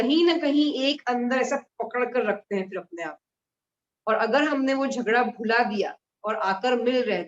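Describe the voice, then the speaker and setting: A woman with a slightly high voice gives a conversational lesson on mudras to a group. She explains each point with everyday examples. The recording is roomy and a bit dull. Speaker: mudra therapy teacher. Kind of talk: live talk to a group.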